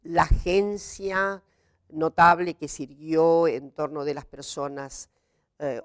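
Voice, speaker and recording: A woman from Argentina, a gender studies scholar, giving a measured academic talk for a seminar, pausing often with hesitant fillers. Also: low voice.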